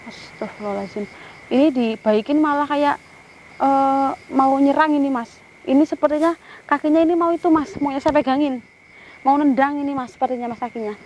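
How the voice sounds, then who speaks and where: A woman with a higher voice leads a paranormal summoning outdoors by a river while faint crickets chirp behind her. She switches between whispered Islamic prayers, stern commands to a spirit and quick asides to her cameraman. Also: fairly even intonation, a little mellow, a little hiss or hum, rough recording. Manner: directs the cameraman as she talks; some prayers muttered in a whisper. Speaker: ghost-hunting vlogger.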